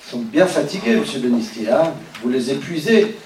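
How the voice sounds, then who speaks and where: A man's voice: normal speed, a little hiss or hum. A man giving a religious lesson, questioning and teasing his listeners, rising to calls and dropping to murmurs. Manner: animated, questions and teases listeners, swings from loud calls to low murmurs. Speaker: rabbi teaching a class. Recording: echoey room, voice from far off.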